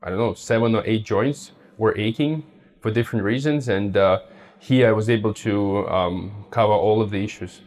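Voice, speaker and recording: A young man answers interview questions in a fairly low voice. He speaks casually and haltingly, often breaking off and restarting mid-sentence as he searches for the right word. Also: a little mellow. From Russia. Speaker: patient interviewee.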